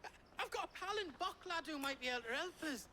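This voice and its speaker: A man's voice: extremely high pitch, lively intonation, quick pace, a crowd in the background. An actor playing a flustered male trader in a video game, anxious and apologetic. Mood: eager. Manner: anxious, apologetic, regional slang. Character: flustered male trader who lost his pass. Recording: game audio with faint ambience.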